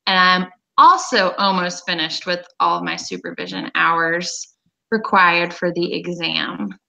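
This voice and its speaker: A woman in her twenties introducing herself as a student in an unhurried, plain way on a video call. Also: fairly low pitch, steady tone, vocal fry, bright, forceful tone, lo-fi sound. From United States. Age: 20s. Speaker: student presenter. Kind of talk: self-introduction.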